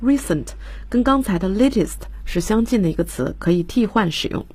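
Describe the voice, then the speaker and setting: A woman's voice: medium pitch, animated, normal speed, a little mellow, husky. A woman teaching English vocabulary on a radio lesson, explaining patiently and spelling words out letter by letter. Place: radio studio.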